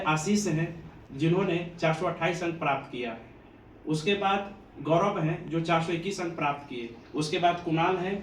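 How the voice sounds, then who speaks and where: A man from Bihar gives an earnest, preachy pep talk to students, in a fairly high voice. He is recorded from a distance in an echoey room with a faint ambient hiss behind him. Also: fairly bright tone. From Bihar, India. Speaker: coaching institute teacher. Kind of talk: motivational address to students.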